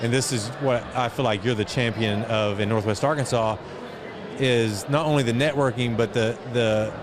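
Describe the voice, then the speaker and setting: A middle-aged guest, an entrepreneur and foundation chairman, gives a reflective, conversational interview in a steady, medium-pitched voice at normal speed. Behind him is a crowd, at a noisy outdoor event full of street and vehicle sounds.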